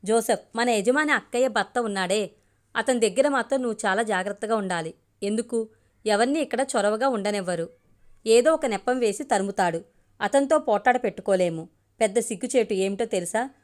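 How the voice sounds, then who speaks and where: A woman's voice: fairly high pitch, brisk, lightly acted. A woman voicing a gossipy male security guard in a storybook reading, confiding and chatty.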